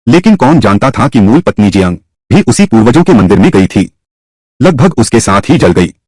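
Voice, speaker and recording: Husky male story narrator. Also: mid-range voice, big pitch swings, moderate pace, darkish tone, no echo. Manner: storytelling recap.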